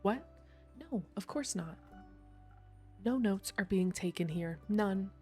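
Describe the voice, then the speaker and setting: A woman's voice: mid-range voice, slow, a little mellow, breathy edge, soft background music. A woman voicing a boastful, upbeat detective with a bubbly manner, reading visual novel dialogue.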